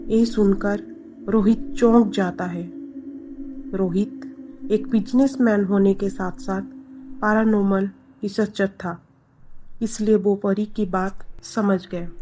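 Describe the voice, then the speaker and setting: A woman narrating a dramatic scripted story in a steady telling voice. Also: mid-range voice.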